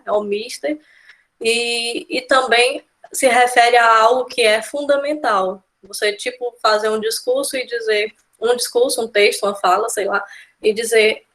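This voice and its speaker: A woman's voice: a little high, a bit bright. A woman with a Brazilian accent teaching an exam-prep grammar lesson, explaining step by step and often checking in with her students. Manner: explanatory, keeps adding "né?" and "tá?" checks. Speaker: Portuguese teacher.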